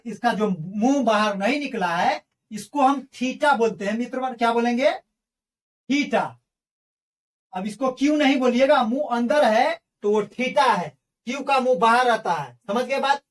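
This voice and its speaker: High-voiced woman teacher, distant mic. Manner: drills students with call-and-response questions; addresses viewers as friends. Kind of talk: online math lesson.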